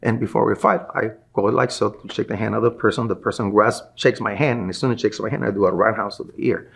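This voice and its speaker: A man's voice: on the low side, fairly even intonation, fast, vocal fry, slightly rough. A middle-aged man, a martial arts instructor, recounts a personal story in an interview and acts out the people he quotes.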